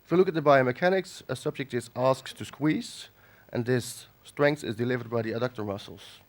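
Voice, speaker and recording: Nursing a cold, a conference speaker from the Netherlands lectures in a conference hall. His middling-pitched delivery stalls and restarts, packed with fillers.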